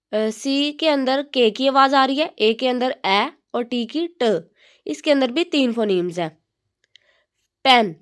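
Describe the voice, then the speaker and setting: A woman teaching a lesson, patiently explaining, sounding out letters slowly and using many fillers. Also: a little high. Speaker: English teacher. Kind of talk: explaining lesson in Hindi-Urdu.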